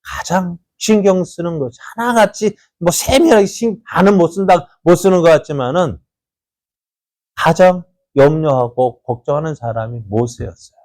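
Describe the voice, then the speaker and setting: A man's voice: on the high side, normal speed, no echo. A man pastor preaching a sermon in a church, asking the congregation questions and acting out voices from the story. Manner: animated preaching with rhetorical questions and acted-out quotes.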